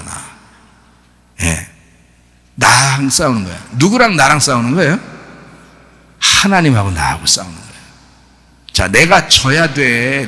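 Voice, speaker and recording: A man preaching a sermon as a pastor. He keeps asking the congregation questions and breaks into sudden shouts. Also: fairly high pitch, in a large hall. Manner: animated, rhetorical questions to the congregation, bursts of shouting. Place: church sanctuary.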